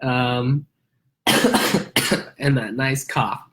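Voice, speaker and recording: A man's voice: mid-range voice, steady tone, unhurried. A man with a head cold speaks in a congested, nasal voice. He keeps a casual, chatty vlog tone, leaning on frequent "um" fillers while talking to his viewers. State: coughing. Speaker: triathlete vlogger; answers viewers' questions.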